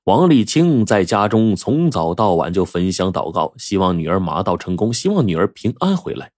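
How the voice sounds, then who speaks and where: A man telling a story in a lively, chatty way, with asides and rhetorical questions to the listener. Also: deep voice, normal speed, no echo, clean studio sound. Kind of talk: storytelling narration.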